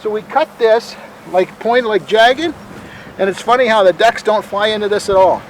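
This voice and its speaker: Calm museum guide guy, kinda high voice, folksy and matter of fact, some noise behind him outside. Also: normal speed, poor audio. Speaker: bird sanctuary museum guide and bird bander. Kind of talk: informal guided tour, explaining.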